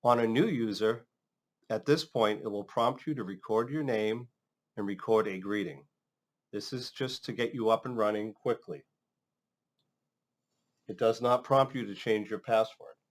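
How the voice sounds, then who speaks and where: A man's voice: fairly low pitch, a little slow, long pauses. A man working as a trainer, narrating an instructional demonstration in a casual, step-by-step way. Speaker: phone system trainer.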